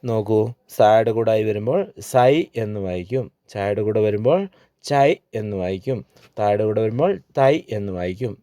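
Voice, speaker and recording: A man, a teacher, slowly leading children through a spelling lesson and repeating each sound and word with patience. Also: lowish voice, warm tone, no room sound.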